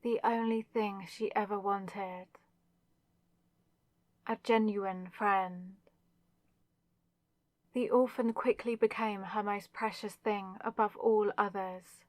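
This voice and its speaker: Here the same possessive, lovesick demon villainess from the ASMR audio drama speaks through a woman's mid-range, slightly mellow voice, with heavy, purposeful pauses. Her intonation stays fairly even, the acting is light, the recording is dry, and a wistful feeling runs through it.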